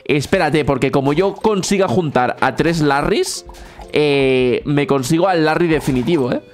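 A man giving excited gameplay commentary, repeating words in quick bursts. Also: fairly high pitch, soft background music. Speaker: gaming youtuber.

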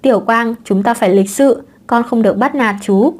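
A woman's voice: a little high, moderate pace, close to an everyday voice. A woman voicing a brazen, cheeky young divorced mother in an audiobook romance. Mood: sweet.

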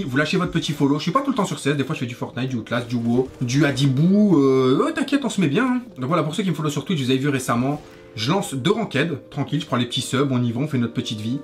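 Young man, quick delivery, casual gamer rant, street slang and swearing, faint music behind. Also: medium pitch, animated. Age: 20s. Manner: French street slang, swearing, familiar address. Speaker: gaming YouTuber and streamer. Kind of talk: casual rant to camera over gameplay. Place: small bedroom, indoors.

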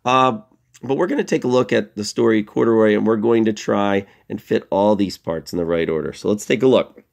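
Teaching a class of young children, a middle-aged man is playful and expressive, answering the very questions he poses. His voice is fairly low and creaky, and he speaks briskly.

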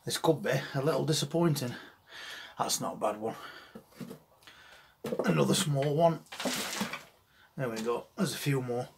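Slightly slow and creaky, with frequent pauses, a mid-range voice belongs to an English gardening vlogger in his sixties with a regional accent from the UK. He comments plainly and casually in an understated way, working in an allotment garden and a greenhouse. A little background noise is audible.

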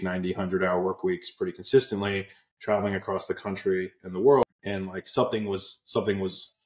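This deep male voice belongs to a young app co-founder from Pennsylvania, USA, speaking as a guest on a video call with earbuds. In a relaxed interview he earnestly recounts his story, often using fillers and starting over. The sound is roomy, coming from a small indoor space.

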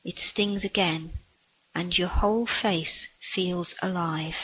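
Soft breathy woman leading a calm meditation, slow, bright voice, bit low. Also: slight background noise, low-quality recording. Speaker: meditation guide. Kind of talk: guided relaxation meditation.

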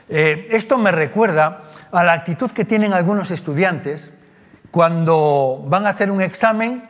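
A male preacher with a Spain Spanish accent talks through his sermon in a chatty way. He keeps checking in with rhetorical questions, and his voice sits a little high. Long reverb from the church hall trails behind him. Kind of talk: conversational sermon.

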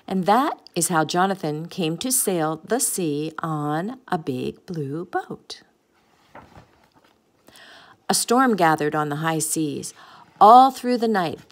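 A woman reads a picture book aloud with expressive, gentle narration. Her voice sits a little low. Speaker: storybook reader.

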